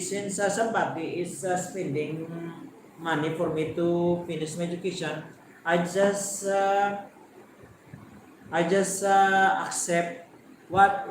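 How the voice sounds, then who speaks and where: A Filipino man in his forties with a Filipino accent, hosting a casual chat and telling his own story in an unhurried, reflective way. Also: sits high. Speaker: host. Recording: very echoey room with faint background noise.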